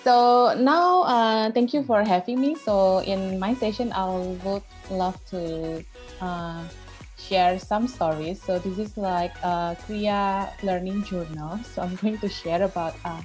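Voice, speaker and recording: A woman speaks over a video call, presenting slides to an online audience. Her voice sits in a middle pitch, and she walks through each point plainly, opening most sentences with "so". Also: unhurried, a little mellow, faint music behind. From Indonesia. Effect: heard over a video call. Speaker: learning coach presenting at an online event.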